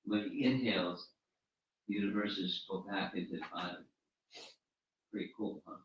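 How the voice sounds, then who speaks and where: Low-voiced man teaching in a roomy space. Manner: halting, often repeats and restarts words. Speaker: spiritual teacher answering questions. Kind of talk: informal religious talk with Q&A. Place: room at a home gathering. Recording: roomy, distant, dull recording.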